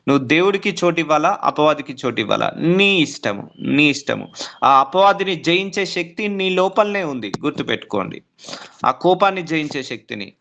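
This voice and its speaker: A man's voice: mid-range voice, sharp tone. A man preaching a sermon as pastor, repeating phrases, asking rhetorical questions and slipping English words in. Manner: repetitive, rising emphatic preaching with rhetorical questions; mixes English words into his speech.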